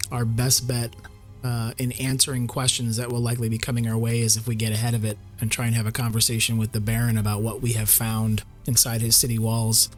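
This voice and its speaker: A man speaking in character in a tabletop game, hesitant and full of fillers. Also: medium pitch. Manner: hesitant, with many ums. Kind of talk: in-character tabletop role-play.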